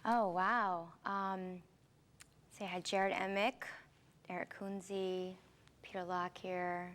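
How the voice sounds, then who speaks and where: A woman's voice: on the low side, little pitch movement, takes it slowly, a bit bright. A young woman, a musical theater actress, answering interview questions in a friendly, chatty way, with many fillers and restarts. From Philippines, raised in Seattle. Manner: friendly, chatty, with frequent fillers and repeated starts.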